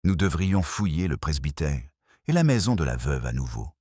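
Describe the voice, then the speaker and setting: A man voicing a stern, practical police inspector who speaks in a brisk, businesslike way, in a mystery story reading. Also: rumbling low, very animated, warm tone, no room sound, clean studio sound, heavily acted. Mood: serious.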